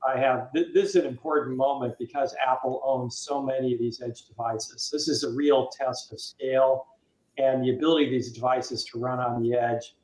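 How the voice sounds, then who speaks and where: Um homem que participa de um painel por chamada remota, com a voz ecoando, oca, como se estivesse dentro de um tubo, e expõe seus argumentos ponto a ponto. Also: male voice, medium pitch, steady tone, moderate pace, darkish tone. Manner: lays out points one by one. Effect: hollow echo, as if from inside a tube. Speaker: panel guest. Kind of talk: casual panel discussion. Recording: roomy echoing remote line.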